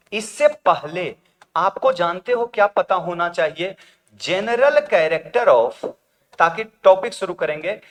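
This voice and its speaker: A male teacher giving an exam coaching lecture, who asks the class questions, answers them himself and repeats key terms slowly. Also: high-pitched, in a large hall.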